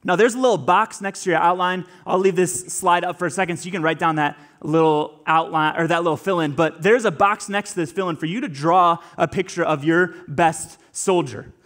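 Young male youth pastor, high bright voice, energetic and playful sermon delivery. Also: a little fast, hardly any pauses. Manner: energetic and joking. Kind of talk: sermon to teens.

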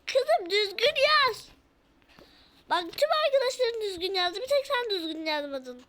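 A woman's voice: very high-pitched, expressive, unhurried, heavy background noise. A woman voicing a strict, fussy female schoolteacher who nags her pupils. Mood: scolding. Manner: scolding, nagging.

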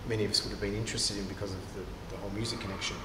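A man, a cathedral's director of music, answering interview questions thoughtfully with many pauses and restarts. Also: on the low side, steady tone. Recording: echoey cathedral with long reverb and clear background noise.

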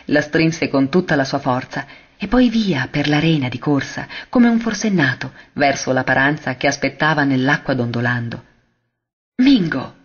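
A man reading a classic literary short story aloud in a measured, expressive way, on a dull lo-fi recording. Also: mid-range voice, slightly rough. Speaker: narrator.

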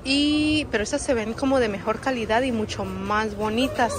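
With a high-ish voice at normal speed, a woman vlogs her stroll through a sprawling outdoor swap meet, addressing viewers like friends. The sound comes from the phone camera she carries while walking, and the background is full of crowd chatter and market music.

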